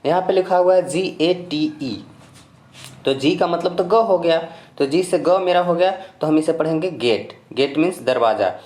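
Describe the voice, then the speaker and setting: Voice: medium pitch, moderate pace, a little mellow. A teacher from India giving a patient, step-by-step pronunciation lesson. The teacher spells words letter by letter, repeats each rule and keeps reassuring the learners. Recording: roomy echo.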